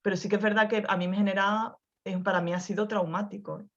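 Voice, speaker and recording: A woman with a softened Andalusian accent, speaking reflectively on a video call, with many restarts and tag questions. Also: medium pitch, fairly even intonation, fast, lo-fi sound. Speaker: guest author. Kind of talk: conversational talk over video call.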